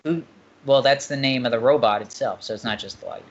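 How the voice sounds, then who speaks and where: A man's voice: mid-range voice, fairly quick, lo-fi sound. A man hosting a casual gaming chat, reading out game blurbs and swearing freely. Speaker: host.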